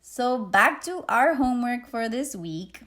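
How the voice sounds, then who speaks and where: A woman in her thirties guides a meditation. Her voice sits a little high, and she talks very slowly and gently, with calm pauses between her instructions. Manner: slow, gentle, reflective delivery with guiding pauses. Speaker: yoga and meditation teacher.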